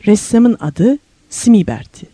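A woman's voice: mid-range voice, lively intonation, slow pace, warm tone, dry recording. A woman narrating a novel aloud as an audiobook reader, telling the story expressively and lifting her voice for questions and moments of wonder.

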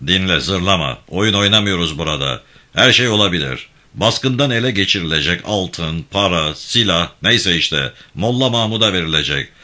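A man voicing a stern, commanding male militia band leader who gives hushed orders. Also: sits low, expressive, normal speed, full character voice.

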